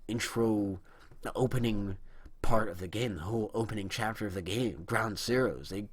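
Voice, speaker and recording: A young man in his early twenties hosts a video, delivering an indignant, rambling opinion monologue about video games and restarting himself often. His voice sits on the low side at a normal speed, with a breathy edge and a dry, strained throat.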